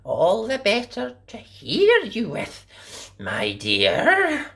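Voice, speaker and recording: A woman's voice: medium pitch, huge pitch swings, drawn-out words, fairly bright tone, pitched above the performer's own voice, exaggerated voice. A woman voicing a wicked old male wolf from a storybook, coaxing and mock-sweet.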